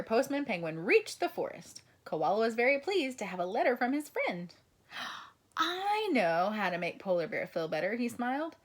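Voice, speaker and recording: A woman reads a picture book aloud for toddlers, her pitch swooping up and down in a lively, playful way. She sounds animated and exclamatory. She keeps turning to the young listeners with questions. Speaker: children's storyteller.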